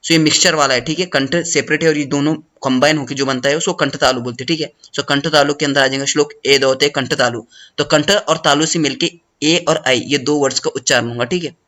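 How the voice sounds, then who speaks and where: A man teaching a study lesson, talking fast and repeating a check-in phrase after each point. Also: a little high, fairly even intonation, bright, forceful tone. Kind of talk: study lesson explaining notes.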